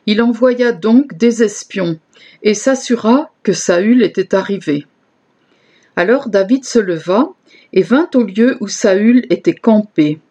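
Woman reading bible verses aloud, steady and measured, scripted narration. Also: medium pitch, slightly rough. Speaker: scripture reader.

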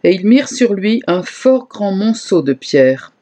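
A reader giving a slow, measured scripture reading, lifting the voice a little for quoted speech. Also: medium pitch, sing-song, warm tone.

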